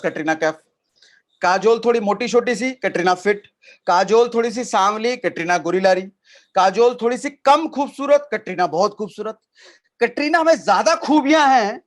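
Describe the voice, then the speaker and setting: Brief: high-pitched male trainer on a video call, lively coaching, keeps asking the chat to reply. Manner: energetic, repetitive coaching, asks the chat for replies. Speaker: network marketing trainer. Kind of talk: live online training session.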